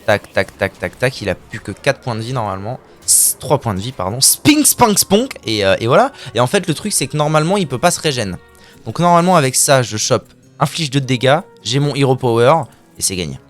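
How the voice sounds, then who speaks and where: A man's voice: mid-range voice, fairly quick, faint music behind. A man streaming a card game live, narrating his plays with playful, crude trash talk and silly mouth sound effects. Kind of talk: live gameplay commentary.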